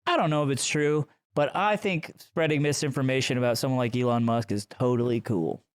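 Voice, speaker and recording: A man's voice: mid-range voice, a little fast, smooth, no room sound, studio quality. A man co-hosting a podcast, trading crude jokes in casual banter and laughing often. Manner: profane, joking, laughs often. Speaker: podcast co-host.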